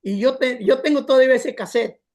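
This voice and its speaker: A man preaching to his congregation in an impassioned, storytelling way. His voice sits notably high for a man, and he calls his listeners brothers as he builds his point. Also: fairly quick, darkish tone. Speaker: pastor. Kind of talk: storytelling sermon.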